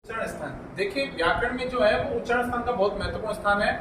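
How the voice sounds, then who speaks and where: A man's voice: high-pitched, fast, background noise. A male teacher giving an exam-prep grammar lesson. He repeats key points as questions and then answers them. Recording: roomy echo, from a distance.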